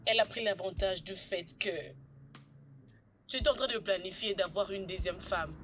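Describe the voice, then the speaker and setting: A woman dubbing a betrayed wife in French, speaking with slow, wounded reproach over background noise. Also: mid-range voice, a bit bright, natural voice. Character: betrayed wife, heartbroken and bitter. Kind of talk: French film dub.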